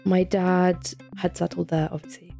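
A British woman in her early twenties, from England but raised partly in Italy and Saudi Arabia, tells stories informally as a podcast guest, with soft music behind her. Her voice is fairly low, creaky, and dark, with little pitch movement and a moderate pace. She is chatty and says "like" a lot.

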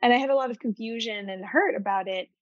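A young woman from Arkansas, a designer, answering interview questions over a video call in a thoughtful, measured way. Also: fairly high pitch, no room sound. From Arkansas, United States. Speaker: guest designer. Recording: dry, slightly dull video-call audio.

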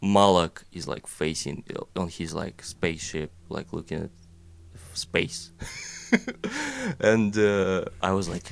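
Slow and fairly even in intonation, this animator guest's low, creaky voice comes with a little hiss or hum. The young man, who has a Russian accent, rambles casually through his thoughts, full of fillers and self-deprecating jokes.

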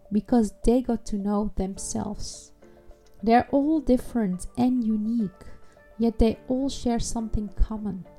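A woman hosting an interview show, speaking in a measured, deliberate way. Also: medium pitch, gravelly, mellow. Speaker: podcast host. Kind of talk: interview and scripted intro.

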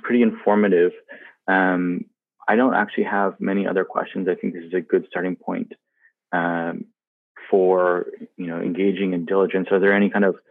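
A man's voice: deep voice, gravelly, dry recording. A man hosting a conversational podcast interview, thinking aloud and hedging as he talks. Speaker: podcast host. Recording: dry, tinny phone-like line.

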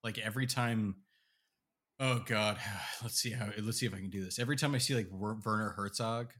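Husky-voiced man rambling in casual chat. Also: lowish voice, a little fast, fairly bright tone. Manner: rambling, lots of fillers and laughs.

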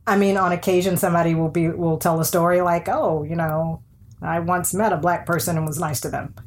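In a lowish, steady voice and at a brisk pace, this Southern American woman co-hosts a podcast, keeping the conversation casual. Her manner is candid and wry, and she acts out remarks she's quoting from others. Slight background noise is present.

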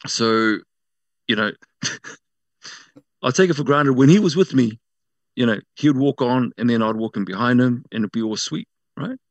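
Male interview guest, New Zealand accent, medium pitch, casual halting storyteller, dry recording. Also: dry recording, highs cut off. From South Auckland, New Zealand. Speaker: interview guest working in media.

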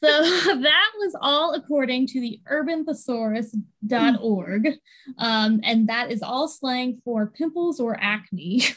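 A young woman from the US East Coast co-hosting a podcast in casual chat, talking fast and giggling as she mocks herself. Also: sits high, expressive, fairly bright tone. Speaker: podcast co-host.

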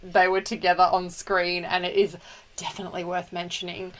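A woman's voice: lowish voice, monotone, brisk, background noise. Bubbly woman podcast co-host. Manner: bubbly, gushing, chatty. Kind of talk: casual chat.

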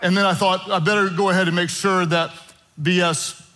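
High, bright-voiced pastor telling stories. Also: male voice, a little fast, low-quality recording. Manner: animated storytelling with playful humor. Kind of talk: sermon to a live and online congregation. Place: church auditorium with congregation.

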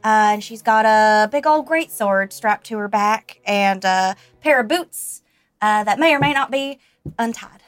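A woman's voice: medium pitch, unhurried, dry recording, soft background music. A woman player casually describing her tabletop character, chatty with many fillers.

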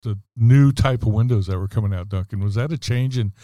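A male co-host with a low, mellow voice who chats along and agrees readily. He sounds close and dry, with no room echo. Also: a little fast. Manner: chatty, agreeable interjections. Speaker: podcast co-host. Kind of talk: casual interview talk.

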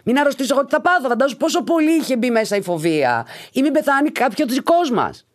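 Animated, swearing woman podcast host. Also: high-pitched. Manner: animated, swears freely, addresses listeners directly. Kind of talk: casual chatty monologue.

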